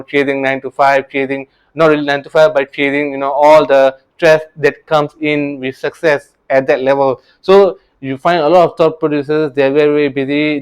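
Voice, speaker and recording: A Singaporean real estate coach speaks casually to camera in a motivational talk, his voice a little high, clear and resonant despite poor audio. He tells his story earnestly, often restarting words and adding "right?".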